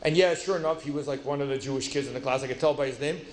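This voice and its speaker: Male lecturer, lively storyteller who acts out dialogue; roomy hall sound. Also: fairly high pitch, rapid-fire, slight background noise. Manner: lively, acts out dialogue, self-deprecating asides. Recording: roomy hall with faint ambience.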